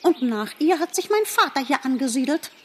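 A woman voicing a cheerful, talkative young squirrel in an audiobook, eager and polite. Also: normal speed. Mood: chatty. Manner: eager, talkative, high and lively. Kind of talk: audiobook character voice.

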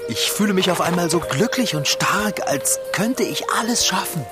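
An actor playing an earnest, excitable, soft-hearted bicycle mechanic in a children's radio play. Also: mid-range voice, normal speed, over loud music, close to an everyday voice. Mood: awed.

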